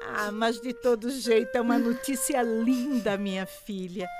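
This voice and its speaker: A woman voicing a warm, supportive mother in an amateur radio drama, soothing and motherly. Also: a little high, steady tone, unhurried, music in the background, lightly acted. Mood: tender. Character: middle-aged mother, warm, calming, supportive.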